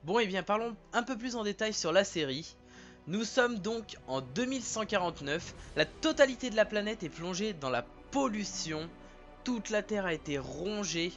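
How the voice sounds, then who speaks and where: A man's voice: sits high, animated, normal speed, fairly bright tone, muffled recording, soft background music. A man chatting casually to his viewers as he presents and reviews a TV series. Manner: chatty, addresses viewers directly.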